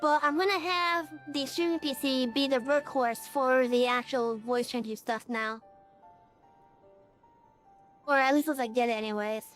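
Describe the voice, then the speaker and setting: Voice-changed streamer, high-pitched feminine output, rambling casual chat, faint music underneath. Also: fairly even intonation, a little slow, a bit bright. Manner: rambling, many fillers and restarts. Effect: voice changer, real-time. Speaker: game streamer.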